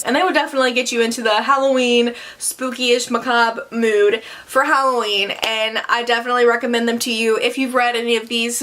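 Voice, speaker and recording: A woman's voice: a little high, bright, forceful tone. A young woman vlogging book recommendations to camera, chatty and earnest, with lots of "like" and "I don't know". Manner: chatty and earnest, with many likes and I-don't-knows.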